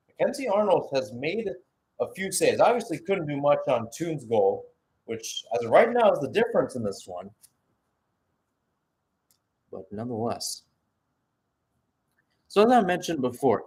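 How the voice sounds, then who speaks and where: Calling a live soccer match play by play, a man with an ordinary male pitch gives short descriptions of the action and fills the gaps with conversational asides.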